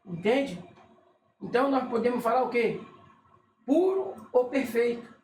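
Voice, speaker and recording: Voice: mid-range voice, sing-song, unhurried, a little mellow. A religious teacher, explaining casually while reading from a list, often checking in with the listener and stopping to correct themself. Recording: echoey room with faint noise.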